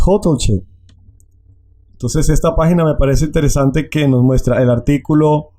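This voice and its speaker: A man leads a language lesson at an unhurried, deliberate pace. His voice is mellow and sits a little high. He explains patiently and says each word again so learners can follow. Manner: slow, patient explaining, repeating words to drill them. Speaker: Dutch language teacher. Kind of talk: online language class.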